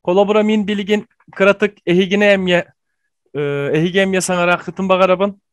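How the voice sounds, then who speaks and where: Male teacher, high voice, dry close sound, explanatory online lesson delivery with pauses. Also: fairly even intonation, no room sound. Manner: explanatory, pausing with fillers. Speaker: language teacher.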